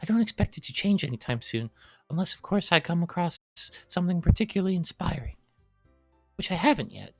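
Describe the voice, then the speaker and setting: Yuri: a man putting on a soft, formal schoolgirl. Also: high voice, sing-song, gravelly, slightly rough, no echo, faint music behind, pitched above the performer's own voice, heavily acted. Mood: reserved. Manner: soft, measured, formal phrasing. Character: shy, bookish, elegant teenage girl. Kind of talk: visual novel voice acting.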